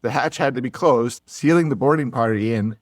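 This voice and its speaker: A man's voice: medium pitch, brisk, no echo, clean studio sound. A man co-hosting a casual podcast, narrating a history story and breaking into jokes and laughter. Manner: laughs often, jokey asides.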